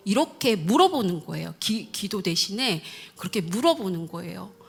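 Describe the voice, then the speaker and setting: A middle-aged woman, a church deaconess, telling her testimony in a church with lively, emphatic storytelling. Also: medium pitch, moderate pace, creaky, slightly rough. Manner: animated storytelling, full of emphatic sound words. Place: church sanctuary.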